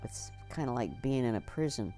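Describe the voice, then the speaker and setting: A woman's voice: very deep voice, lively intonation, moderate pace, warm tone, soft background music. A woman in her eighties answering documentary interview questions in a plain, matter-of-fact way. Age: 80s.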